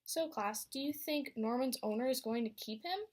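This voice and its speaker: A young female student teacher shares a picture book with a class, her slightly high voice moving at a moderate pace. She narrates with expression and asks the students questions.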